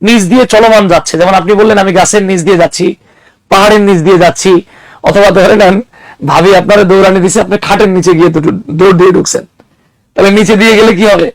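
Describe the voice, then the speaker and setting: A man's voice: high-pitched, fairly even intonation, fast talker, dry recording, low-quality recording. Give me a man, lecturing a class and asking his students questions. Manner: explains with everyday examples, asks the class questions. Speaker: English teacher.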